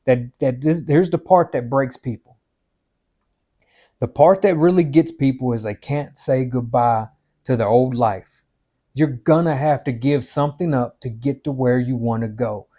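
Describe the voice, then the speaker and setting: Blunt and motivational, this podcast speaker is a man in his fifties with a mellow, mid-range voice. He drives his life advice home by repeating it, calling his listener "man" and "dude" throughout.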